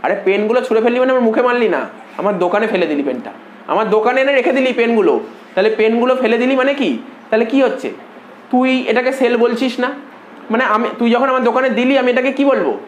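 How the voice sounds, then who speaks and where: Fast-talking man teaching in an echoey room. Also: extremely high pitch, dull audio. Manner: repetitive, checks understanding often. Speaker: commerce tutor. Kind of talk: informal lecture. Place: tutoring classroom. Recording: echoey room, faint background noise.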